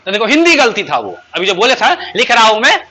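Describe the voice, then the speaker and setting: A male teacher gives a classroom grammar lesson. He keeps asking his pupils questions and says English example sentences slowly and emphatically. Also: sits high, huge pitch swings, pushed and bright, slight background noise. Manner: asks pupils constant rhetorical questions.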